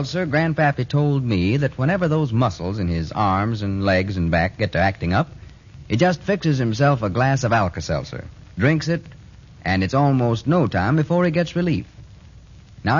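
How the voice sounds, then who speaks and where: Heard through the muffled sound of a 1940s AM radio broadcast, a man pitches a sponsor in a folksy, persuasive manner. His mid-range voice has a breathy edge and big pitch swings, and his pace is moderate.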